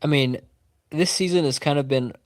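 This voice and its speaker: A man's voice: on the high side, moderate pace, no room sound. A man with a stuffy, congested voice talks loosely on a sports podcast. He rambles and jokes at his own expense, recorded from his bed with a dry, close sound. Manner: rambling, self-mocking humor. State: congested with a cold. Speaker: podcast co-host. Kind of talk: casual sports podcast chat. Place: bedroom. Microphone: home setup in bed on video call.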